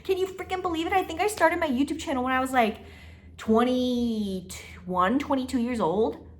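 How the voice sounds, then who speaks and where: A woman's voice: high-pitched, normal speed. A woman in her twenties chatting casually to camera in her apartment, talking emphatically and laughing often. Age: 20s. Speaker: vlogger. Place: her own apartment, indoors.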